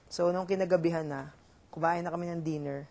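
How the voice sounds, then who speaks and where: Halting young Filipino man telling a story. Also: on the high side, steady tone, gravelly, darkish tone. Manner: halting, many fillers and restarts. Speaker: reality show housemate. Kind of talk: casual storytelling.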